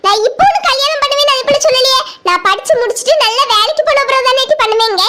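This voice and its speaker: A woman's voice: very high voice, animated, fast, sharp tone, exaggerated voice. A woman voicing a stubborn, lovestruck teenage girl in a cartoon who talks earnestly and pleads. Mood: defiant.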